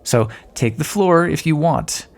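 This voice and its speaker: Playing a wry but decent rogue of a thief who is escorting a deposed queen, this man uses a fairly high, creaky, animated voice at a measured pace. He addresses the listener directly and teasingly in an audio roleplay, sardonic throughout.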